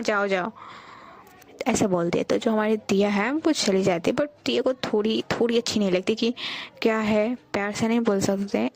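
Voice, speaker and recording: Telling an audio love story, this woman keeps things relaxed and conversational, often turning to address her audience directly. Her voice sits a little high and has a darkish tone.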